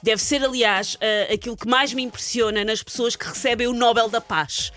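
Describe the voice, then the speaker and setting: A woman's voice: on the high side, moderate pace, a bit bright, soft background music. A woman host with a European Portuguese accent, ranting sarcastically in comic chat-show banter.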